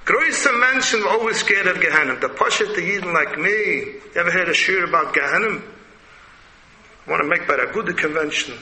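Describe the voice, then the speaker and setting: Bright, forceful Yiddish-accented man preaching in hall. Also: sits high. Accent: Yiddish-inflected American. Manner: emphatic, blunt, full of rhetorical questions. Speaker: rabbi giving a religious lecture. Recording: echoey hall with background noise.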